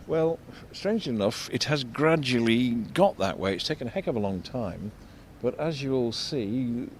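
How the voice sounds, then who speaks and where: An older man giving unscripted commentary as an architect and local guide, discursive and explanatory, halting and repeating words. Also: expressive. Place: outdoors in a shopping street. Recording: vehicle rumble, street noise. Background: faint street traffic rumble.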